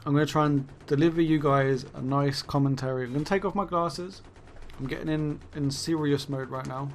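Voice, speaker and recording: A man with a fairly high pitch and fairly even intonation talks a little fast, slight background noise behind him. In a casual gaming-YouTuber monologue, he rambles and self-corrects, swearing and then laughing. He's losing his voice, which sounds tired and fading.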